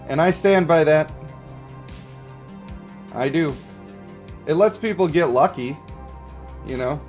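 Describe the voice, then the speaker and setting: Slow and slightly high-pitched with a darkish tone, a man hosts a game livestream as music plays. He chats casually, reading and answering viewer comments, explaining his views and asking if people agree.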